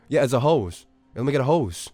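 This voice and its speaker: A man's voice: mid-range voice, dark tone, no echo. A young man, ranting in a casual, profane way at his live-stream chat. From Australia. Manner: incredulous, profane, exaggerated ranting.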